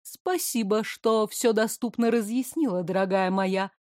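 A woman voicing a stern queen who speaks in a dry, ironic, measured way in an audiobook. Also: mid-range voice, a little mellow, dry recording, natural voice.

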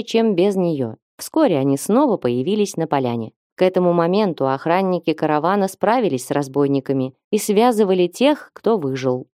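A woman narrating an audiobook in a steady storytelling manner, recorded close to the mic. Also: lowish voice, dry recording. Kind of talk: scripted narration.

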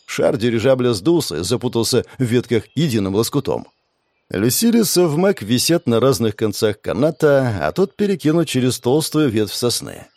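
A man narrating an audiobook in an expressive, lively storytelling manner. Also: medium pitch, normal speed, dry recording. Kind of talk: scripted narration.

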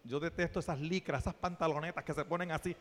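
A man preaching a sermon, playful and animated, dropping to soft asides and then rising to loud exclamations. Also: on the high side, quick pace. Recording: long reverb of a church hall.

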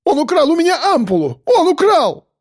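A cowardly, whining prison doctor mumbles timidly and breaks into shrill shrieks, voiced by a man reading a story. The voice sits high and swings widely. The recording is dry and close. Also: very animated, moderate pace, darkish tone, slightly rough, no room sound, full character voice. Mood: shrill panic.

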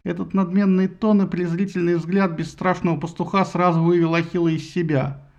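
A man narrating a satirical retelling of Greek myths in a lively, ironic storytelling manner. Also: high-pitched, normal speed, gravelly, lo-fi sound. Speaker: audiobook narrator.

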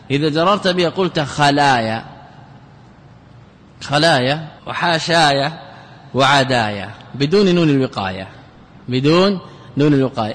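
A man, a scholar giving a traditional lecture on Arabic grammar, speaking deliberately, repeating key words and checking that students follow. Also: fairly high pitch, fairly bright tone. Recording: long hall reverb.

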